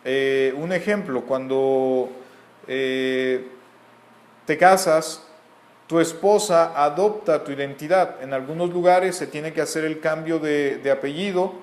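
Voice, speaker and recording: Slow earnest Mexican man teaching. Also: a little high, echoey room. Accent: Mexican Spanish. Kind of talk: recorded Bible teaching.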